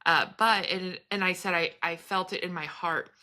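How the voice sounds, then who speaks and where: Bright-voiced chatty woman vlogger. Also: on the low side, steady tone, normal speed. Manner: chatty, meandering, laughs between thoughts. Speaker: spiritual vlogger and business coach. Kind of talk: casual chat to camera.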